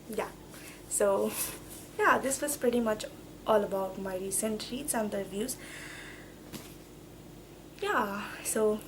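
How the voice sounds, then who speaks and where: This is a low-quality recording with slight hiss or hum of a young woman whose voice sits on the high side. She has a cold and talks casually about books as a vlogger, emphatic, repeating herself, and frequently saying okay.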